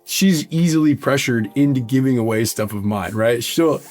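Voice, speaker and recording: Man, mid-pitched, candid and rambling interviewee; faint studio music underneath. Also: moderate pace. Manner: rambling, animated, full of "like" and "right?"; mimics fans in high excited voices. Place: recording studio.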